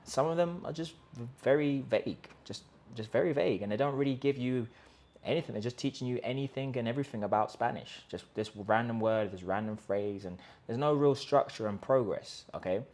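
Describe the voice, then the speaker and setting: A man who runs a language-learning channel in Colombia speaks directly to camera, pitching to his viewers with emphasis. His talk is full of rhetorical questions and quick restarts, and his voice is a little mellow.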